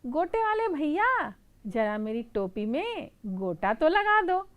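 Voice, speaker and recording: A woman voicing a small, boastful male mouse who talks in a high, loud, bossy way, as in a children's storybook reading. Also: big pitch swings, slow pace, heavily acted. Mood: delighted.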